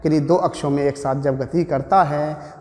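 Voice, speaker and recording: Standing at a board, a man with a Hindi accent works through a physics lecture step by step, answering his own questions. His voice is on the high side, steady and a little mellow at a moderate pace, in an echoey room with long reverb.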